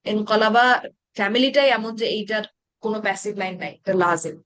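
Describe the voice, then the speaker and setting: A woman with a Bangladeshi Bengali accent leads an online grammar class and explains each point patiently. She asks her students questions as she goes. Her voice sits at a middle pitch and sounds dry and close. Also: brisk, no echo. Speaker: Arabic grammar teacher.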